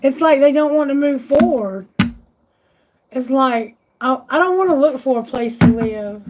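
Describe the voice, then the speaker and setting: A woman's voice: high-pitched, background noise. A woman doing a live tarot reading, chatty and exclamatory, thinking aloud, and losing her voice. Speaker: tarot reader.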